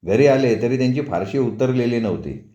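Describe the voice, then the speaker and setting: A man narrating a rural story as an audiobook reader, in a measured, unhurried storytelling manner. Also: mid-range voice, lively intonation, dark tone. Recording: dull, roomy recording.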